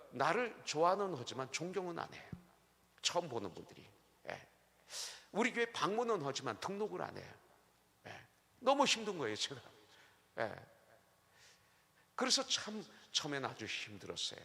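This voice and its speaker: A middle-aged man preaching a revival sermon in a church, telling stories with lively acted-out quotes. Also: a little high, moderate pace, gravelly, pauses often. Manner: animated storytelling, acting out quoted voices. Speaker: pastor. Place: church sanctuary. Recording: livestream with long church reverb.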